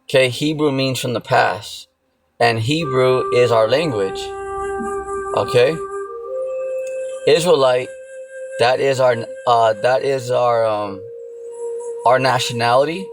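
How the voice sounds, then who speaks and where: A religious teacher preaches informally, speaking slowly in a medium-pitched voice with long pauses. He repeats himself, leans on fillers, and keeps checking in with the listener through "okay" and "you know", with music in the background.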